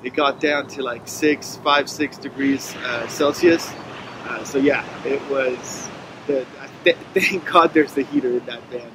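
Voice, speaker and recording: A French man in his thirties with a French accent narrates a road-trip vlog in a medium-pitched, slightly slow voice. Relaxed and rambling with many fillers, he talks from a camper van and an outdoor picnic table over a music bed and noisy background.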